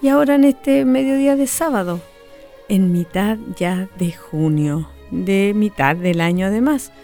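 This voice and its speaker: A woman hosting a storytelling radio program, introducing the guest in an unhurried way. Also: mid-range voice, warm tone, faint music behind. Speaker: radio host. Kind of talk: radio presenting.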